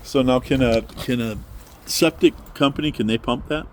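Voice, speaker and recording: A man's voice: mid-range voice, normal speed, slight background noise. A man buying an RV, curious and asking follow-up questions outdoors. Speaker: RV buyer. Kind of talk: casual conversation. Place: outdoors beside an RV.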